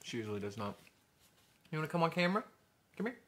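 Fast-talking and a little high, with big pitch swings, a Southern guy in his thirties hosts a casual eating show in a bright, forward tone. He chats away, calls his viewers y'all, and chews between remarks. A camera in front at table distance captures him in a living room with a sofa and window blinds.

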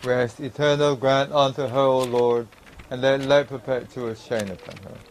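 A man leads a burial service, reading the liturgy as a priest. His delivery is solemn and measured, with a prayerful steadiness. His voice sits at an ordinary middle pitch for a man. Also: fairly even intonation, slight background noise. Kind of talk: reciting a funeral liturgy.

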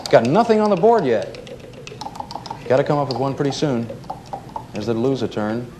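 A man hosting a 1970s TV game show in a studio, upbeat and brisk as he prompts the contestants. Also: medium pitch, sing-song, dark tone. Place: TV studio set with a live audience. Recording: old TV tape with noisy studio audience.

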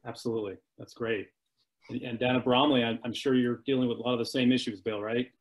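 A man's voice: mid-range voice, little pitch movement, fast. A middle-aged man moderating a panel over a video call, asking brief, upbeat questions. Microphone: video call webcam.

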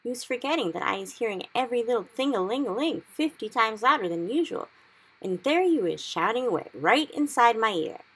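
A woman's voice: expressive, a little fast, bright, forceful tone, full character voice, rough recording. A woman reading aloud and voicing a kindly male giant who talks in muddled, made-up words. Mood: exclaiming. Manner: booming, mangled words.

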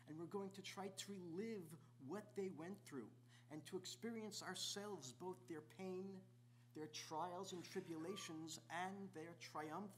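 A man's voice: sits high, slight background noise. A middle-aged man, a visiting rabbi, gives a sermon in a large synagogue sanctuary, stacking up repeated rhetorical questions. He is picked up by a distant camera.

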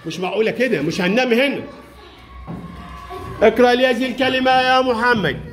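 A man runs a classroom quiz with young pupils. He is brisk and playful, and calls each child up by name. He chuckles as he quizzes them. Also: very high voice, a bit bright. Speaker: primary school Arabic teacher.

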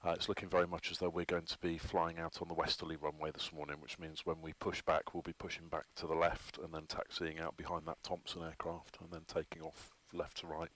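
A man's voice: sits low, little pitch movement, a little fast, hardly any pauses, fairly bright tone. A man, instructing a trainee in a flight simulator cockpit, patiently explaining each step with frequent ums. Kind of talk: hands-on instruction.

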